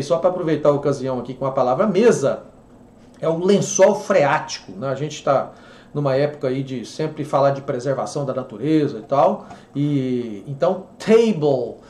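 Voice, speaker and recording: Brazilian English teacher, lively echoey voice. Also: male voice, fairly high pitch. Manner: explanatory, repeats words slowly for drilling. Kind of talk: online pronunciation lesson.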